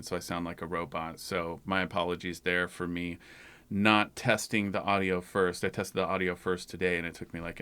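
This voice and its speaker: A man's voice: low voice, a bit bright, clean tone. A man hosting his own channel, giving a loose, rambling, conversational screen-share tutorial. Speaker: tech channel host.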